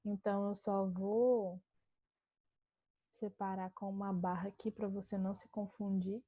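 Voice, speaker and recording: A Brazilian woman teacher giving a calm online grammar lesson, explaining step by step and slowing to spell out words. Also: medium pitch, dry recording, highs cut off. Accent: Brazilian Portuguese.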